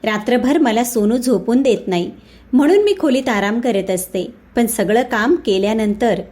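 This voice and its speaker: A hurt, patient young wife pleads and explains herself in a high, lifted voice, as a woman storyteller voices her. She sounds bewildered and close to tears. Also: expressive, normal speed, warm tone, close to an everyday voice. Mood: pleading.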